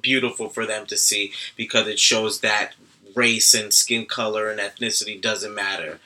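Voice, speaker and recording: A man's voice: lowish voice, level tone, normal speed, sharp tone. A young man co-hosting a casual chat show, easygoing and thoughtful. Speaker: podcast co-host.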